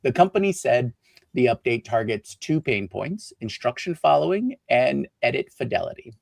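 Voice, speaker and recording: Gravelly man with a dry announcer read. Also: medium pitch, sing-song, moderate pace, no echo. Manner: slips in and out of an announcer voice. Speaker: co-host reading the news. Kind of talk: news segment.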